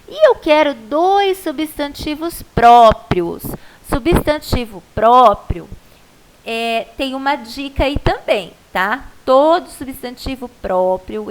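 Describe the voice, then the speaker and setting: Brazilian woman, primary teacher in a one-on-one video lesson; unhurried, coaxing delivery, a bit high-pitched. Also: a little hiss or hum, poor audio. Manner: slow, patient, coaxing; stretches syllables to show stress. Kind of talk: private video lesson for a child.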